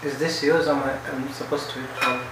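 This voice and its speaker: A young man answers questions in a relaxed, joking way. He speaks at a middle pitch, and his voice rings through a very echoey room. A constant hiss sits underneath. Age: young adult. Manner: laid-back, quick joking answers. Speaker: vlogger answering couple questions. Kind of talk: casual couple chat. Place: small living room, indoors.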